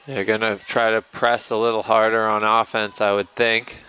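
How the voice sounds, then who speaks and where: A man's voice: on the low side, little pitch movement, moderate pace, pushed and bright, smooth, low-quality recording. Conversational male soccer color commentator.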